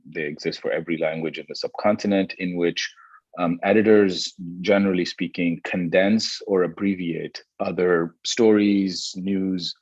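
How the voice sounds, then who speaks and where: A man from Pakistan, a historian speaking thoughtfully in an academic conversation, often pausing with fillers and restarting his sentences. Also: low voice, steady tone, a little mellow, dry recording, dull audio. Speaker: historian guest.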